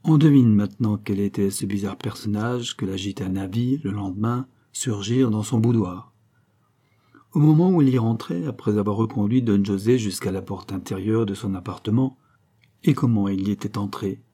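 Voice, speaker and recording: A man reading a classic novel aloud as an audiobook narrator, with measured, steady storytelling. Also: on the low side. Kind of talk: scripted literary narration.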